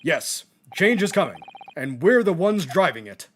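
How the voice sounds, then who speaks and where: A man's voice: a little high, big pitch swings, unhurried, fairly bright tone, a little hiss or hum. A man voicing a proud, resolute young male swordsman in a video game, speaking in a solemn, declamatory way. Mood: determined.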